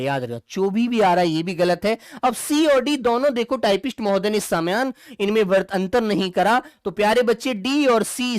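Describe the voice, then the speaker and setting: A man's voice: sits high, no echo, studio quality. A man teaching in a live online exam-prep lesson. He talks affectionately to his students as dear children and answers their comments as he goes. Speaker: Hindi teacher.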